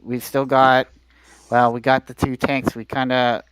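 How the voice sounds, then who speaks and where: Calm man leading a raid over voice chat. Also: medium pitch, unhurried, clean tone, low-quality recording. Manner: calm directions with hesitant ums. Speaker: raid leader. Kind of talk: gaming voice chat.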